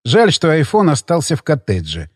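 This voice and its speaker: A man narrating an audiobook in an expressive storytelling manner. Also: a little high, normal speed, breathy edge, dry recording, clean studio sound. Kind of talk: scripted narration.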